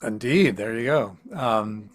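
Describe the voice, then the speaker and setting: A man's voice: fairly low pitch, slow pace. A singer-songwriter and music professor, a man, talking casually in an interview and acting out his own thoughts in quotes. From central Ohio.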